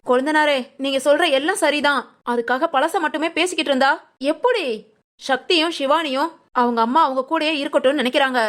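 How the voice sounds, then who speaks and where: Woman doing a brisk bossy sister-in-law. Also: high voice, a bit bright, voice pushed up. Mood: persuasive. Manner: brisk, persuasive, scolding. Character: firm elder sister-in-law, middle-aged woman.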